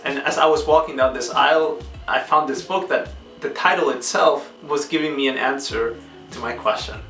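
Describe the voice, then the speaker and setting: A man's voice: mid-range voice, fairly bright tone. A young man from Peru, hosting a book channel and earnestly answering questions one by one in a casual vlog, now and then searching for a word. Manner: earnest, measured, sometimes searching for words. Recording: echoey room, distant mic, faint guitar music.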